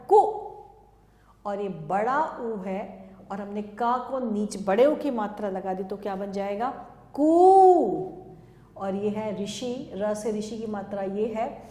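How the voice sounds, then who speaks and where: A woman teaching Hindi letters and vowel signs to young children in a recorded lesson. She is slow and patient, stretches out each sound and calls the example words out louder than the rest. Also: mid-range voice. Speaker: primary school Hindi teacher. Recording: echoey room with long reverb.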